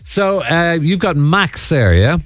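A man's voice: fairly high pitch, very animated, takes it slowly, no echo, soft background music. An Irish man hosting a radio phone-in quiz, chatting casually and bantering with the contestants.

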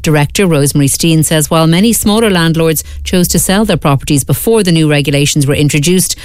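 Smooth-voiced Irish woman reading news. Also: sits low, darkish tone, no echo. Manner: measured, formal delivery. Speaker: newsreader. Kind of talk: scripted radio news bulletin. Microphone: studio microphone.

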